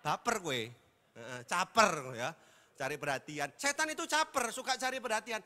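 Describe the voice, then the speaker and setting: A man, a pastor preaching an animated, joking sermon that keeps quizzing the congregation. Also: sits high, normal speed. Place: church hall. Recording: echoey church hall.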